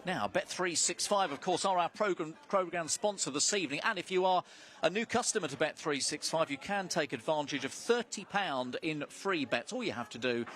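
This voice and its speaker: Male race commentator, slightly high voice, polished broadcast recap delivery, faint music underneath. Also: lively intonation, normal speed, a bit bright.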